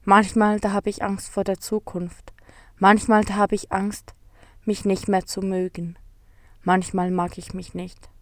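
Female storyteller, soft and reflective, unhurried, dry recording. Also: mid-range voice, dry recording. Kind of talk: scripted story narration.

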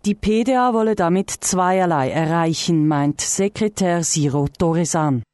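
A woman reading a scripted radio news report in a measured, clear way. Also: lowish voice, a little mellow, dry recording, clean studio sound.

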